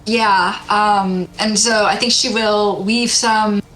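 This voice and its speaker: A woman's voice: mid-range voice, fairly even intonation, takes it slowly, a bit bright, low-quality recording. A woman player chatting casually during a tabletop game, rambling with lots of fillers.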